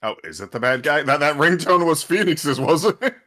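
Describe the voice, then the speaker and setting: A man streaming a game, reading its text aloud and reacting with quick laughs. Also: on the high side, lively intonation, bright, forceful tone. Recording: game music under the voice.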